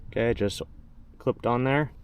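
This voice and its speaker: Taking his time in a mid-range voice, the host of this truck DIY install video explains the hands-on process step by step, working in and around a pickup truck. He's casual and matter-of-fact, and the background noise stays steady.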